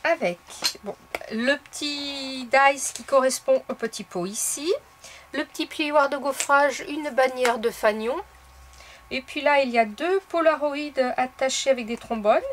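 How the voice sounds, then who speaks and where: A woman hosting a casual crafting tutorial, explaining each step in a chatty way with soft fillers. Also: high voice, measured pace, a little hiss or hum. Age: adult. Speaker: craft video host.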